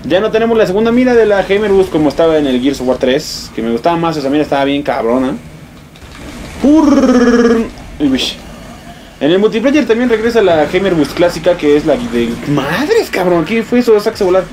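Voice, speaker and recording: A young man with a Mexican accent giving excitable, swear-filled let's play commentary, yelping and exclaiming as he plays. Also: a little high, fast, noisy background. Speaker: gamer.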